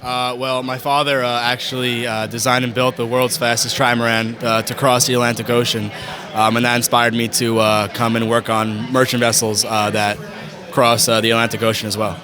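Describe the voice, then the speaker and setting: Flat-voiced young man, crowd behind. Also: medium pitch. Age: young adult. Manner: halting, many "uh" fillers. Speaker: college cadet. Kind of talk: casual interview answer.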